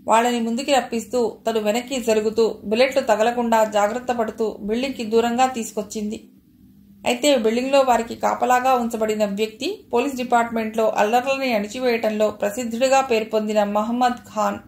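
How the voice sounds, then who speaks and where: Woman narrator for an audio novel, raised pitch, roomy echo. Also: steady tone, a little fast, darkish tone. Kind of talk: reading a novel aloud.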